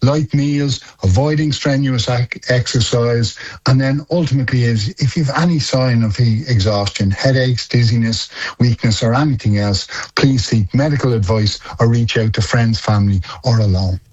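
A man's voice: medium pitch, normal speed, darkish tone. A man giving spoken advice in a news clip, on a lo-fi recording. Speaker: charity chief executive giving advice. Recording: slightly dull, lo-fi clip.

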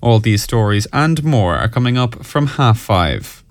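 A man's voice: medium pitch, very animated, unhurried, a little hiss or hum. An Irish man presenting scripted news headlines and weather on local radio. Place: radio studio.

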